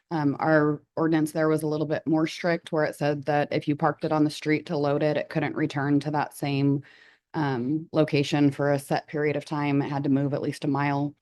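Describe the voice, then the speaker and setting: A council member losing their voice, clearing their throat while speaking in a measured way at a meeting. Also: medium pitch, darkish tone, dry recording. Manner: measured, comparing with past experience. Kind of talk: meeting discussion. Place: council chamber.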